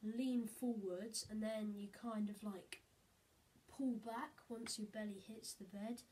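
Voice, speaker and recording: A woman talks loosely into a camera propped on her bed, explaining a move as she goes. Her pitch is middling, and she keeps leaning on fillers between thoughts. The room is small and indoors, with a faint hiss under the voice. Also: fairly even intonation, slow, warm tone. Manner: rambling, full of "basically" and "like" fillers. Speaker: vlogger. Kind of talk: casual how-to vlog. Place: bedroom, indoors. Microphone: camera mic set on the bed.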